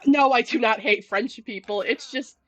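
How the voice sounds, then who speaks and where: A woman's voice: on the high side, normal speed, a bit bright, husky. A young woman streaming a game, telling stories in casual rambling chat with lots of fillers and restarts. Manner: chatty storytelling, many fillers and restarts, laughs often.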